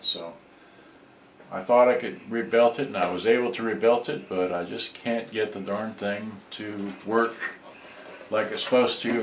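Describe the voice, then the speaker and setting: A man with a low voice, picked up by a distant mic in an echoey room with background noise, does an unscripted, casual livestream demonstration as a hobbyist electronics repairer. He speaks haltingly and rambles, thinking out loud as he goes.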